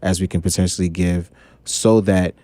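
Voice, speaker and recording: A man's voice: deep voice, steady tone, moderate pace, dark tone, dry recording. A man speaking as a guest in an interview, explaining his program with frequent ums and restarts. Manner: hesitant, fills with um and right. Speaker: guest, trading educator. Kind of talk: casual interview chat.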